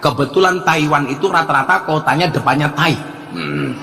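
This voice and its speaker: A Javanese man delivers a humorous sermon in a high, bright voice, acting out dialogue as he tells his stories. He is recorded in a large hall with a long echo. Faint music sits behind him. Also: a little fast. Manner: jokey storytelling, acts out dialogue, breaks into song. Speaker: preacher. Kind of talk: humorous religious lecture.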